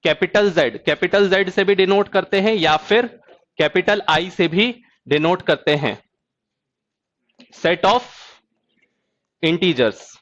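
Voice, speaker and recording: A man teaching an exam-prep math lecture who keeps asking students if the point is clear and drawls key terms slowly. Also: high-pitched, a bit bright, highs cut off. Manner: asks students check questions.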